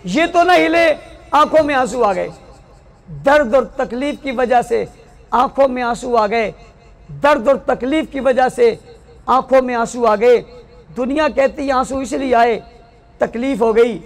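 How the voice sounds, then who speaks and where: A male preacher with a Pakistani Urdu accent, giving an impassioned, rhythmic religious speech to women that rises to shouted, sing-song peaks. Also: extremely high pitch, a little slow, long pauses. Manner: repetitive, rhythmic delivery.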